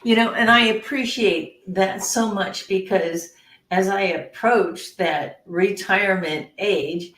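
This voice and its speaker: A woman's voice: mid-range voice, takes it slowly. Chatty woman host in an echoey room. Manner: chatty, animated, playful asides. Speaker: podcast host. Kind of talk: casual interview talk. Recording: roomy echo.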